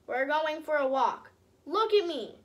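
A woman's voice: sits high, expressive, a little slow, fairly bright tone. A woman voicing a sad young male butterfly with crinkled wings, earnest and pleading, in a storybook reading. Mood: determined.

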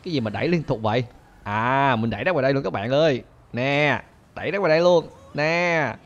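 A young man, chatty and laughing as he hosts an excited let's-play commentary. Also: medium pitch, a little fast. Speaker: gaming channel host. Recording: dull lo-fi recording.

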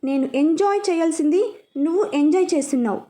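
A woman's voice: high voice, quick pace, dark tone, lightly acted. A woman voicing a playful young man who teases his friend. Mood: teasing. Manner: teasing, jokey.

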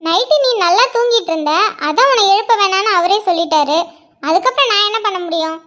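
A woman voicing a calm, matter-of-fact middle-aged mother in a cartoon, speaking lower than her girl character. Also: quick pace.

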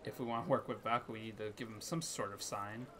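A man's voice: lowish voice, fairly even intonation, fast, background noise. A man giving casual let's play commentary on a video game. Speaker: gamer commentator. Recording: game music behind the voice. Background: game music.

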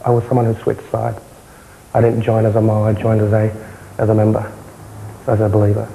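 A young man with a South London accent, answering interview questions in a matter-of-fact, halting way. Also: on the low side, monotone, creaky, mellow, slight background noise, low-quality recording. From South London, England. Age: young adult. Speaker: interviewee, former far-right insider. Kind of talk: candid television interview. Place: indoor television interview, close camera.

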